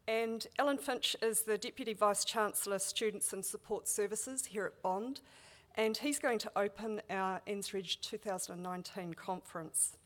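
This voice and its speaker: A woman's voice: mid-range voice, moderate pace. A woman from New Zealand with a Kiwi accent, chairing a conference and welcoming the audience in a casual, filler-laden manner.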